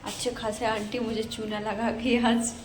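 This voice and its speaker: A woman's voice: a little high, level tone, measured pace, slight background noise. Chatty young woman vlogging. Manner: chatty, rambling, self-mocking. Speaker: vlogger, exam student. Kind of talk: casual vlog narration.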